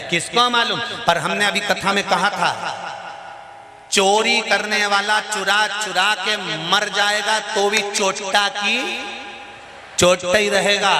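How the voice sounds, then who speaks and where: Emphatic preacher before a roaring crowd. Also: male voice, high-pitched. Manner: folksy, emphatic, addresses the crowd directly. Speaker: religious storyteller. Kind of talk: devotional sermon to a large crowd. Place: large open-air gathering. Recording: echoey live PA sound with loud crowd.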